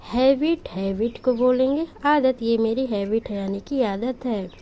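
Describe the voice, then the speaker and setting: A woman teaching a vocabulary lesson, repeating each word slowly and giving short example sentences, sometimes correcting her own slips. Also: a little high, warm tone, poor audio. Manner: slow, repetitive word-by-word drilling with example sentences.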